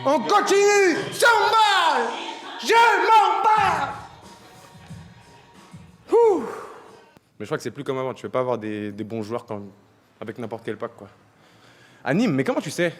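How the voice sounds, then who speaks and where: A young man streaming a game live, slangy and joking, swinging from low mumbling to excited shouting. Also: fast, soft background music. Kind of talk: live gaming stream chatter.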